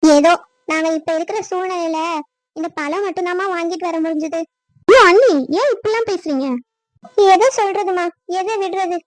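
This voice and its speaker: Woman voicing pleading village women. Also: very high-pitched. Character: adult village women, sisters and wives. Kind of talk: cartoon dubbing.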